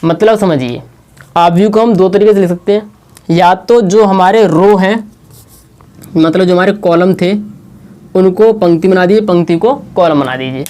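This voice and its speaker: A man teaching a maths lesson at a board, slowly explaining and repeating, asking questions and answering them himself. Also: high-pitched, a little mellow. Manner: slow, repetitive explaining.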